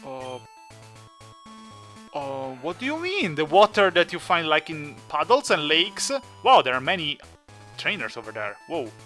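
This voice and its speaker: A man's voice: a little high, sharp tone. A man hosting a gaming video with casual, playful commentary, teasing the characters as he plays. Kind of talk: casual Let's Play commentary.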